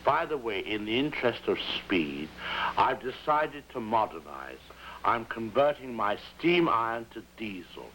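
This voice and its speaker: A man hosting a television show in a dry, deadpan and formally droll manner, heard through an old 1950s television broadcast with a faint hum. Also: medium pitch, unhurried, low-quality recording. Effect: old 1950s television broadcast sound with faint hiss and hum. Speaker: television host. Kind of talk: scripted wry host introductions.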